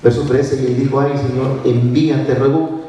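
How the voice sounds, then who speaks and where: A man preaching a sermon to a congregation, emphatic, swinging between loud and hushed lines and asking the people questions. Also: mid-range voice, flat delivery, normal speed. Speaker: minister preaching. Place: church sanctuary. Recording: distant, very echoey church recording with faint noise.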